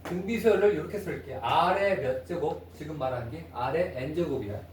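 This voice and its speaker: Male math teacher, high voice, classroom lecture, echoey room, mic set far off. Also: unhurried, a little hiss or hum. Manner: asks students constant check-in questions.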